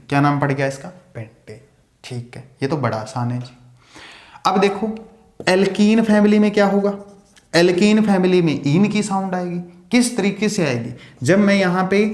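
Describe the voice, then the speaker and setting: A man teaching a science lesson, asking questions and answering them himself, counting aloud as he draws. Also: sits high. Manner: counts aloud while drawing. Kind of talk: classroom lecture. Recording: echoey room.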